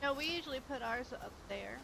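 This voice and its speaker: A woman streamer jokes and chats as she plays, with a fairly high, lively voice. She is quick to giggle. Steady background noise runs under her voice. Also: gravelly. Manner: chatty, giggly, quick to joke. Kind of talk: casual gameplay chat.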